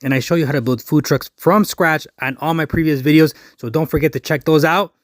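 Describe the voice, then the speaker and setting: A man's voice: fairly high pitch, fairly even intonation, fairly quick, no room sound, studio quality. A man casually talking through a walking tour of a food truck festival outdoors, pointing things out as he goes. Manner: chatty, points things out as he walks. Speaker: food truck owner and vlogger.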